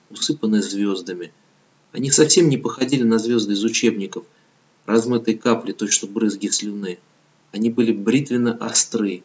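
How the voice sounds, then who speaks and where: Man reading an audiobook, low steady voice, sounds a bit muffled. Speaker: audiobook narrator. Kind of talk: scripted narration.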